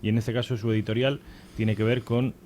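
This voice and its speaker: A man's voice: lowish voice, flat delivery, brisk, a little mellow, a little hiss or hum. A man hosting an interview, asking questions hesitantly with many fillers. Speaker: host. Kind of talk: radio interview.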